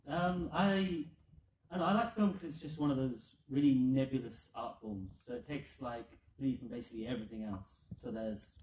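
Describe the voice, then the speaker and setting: A man of middle pitch speaks thoughtfully on a film panel, laying out his points. He sounds distant from the mic, in an echoing room. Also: normal speed, a little mellow, slight background noise. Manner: thoughtful, analytical. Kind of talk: panel answer. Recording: distant, echoey.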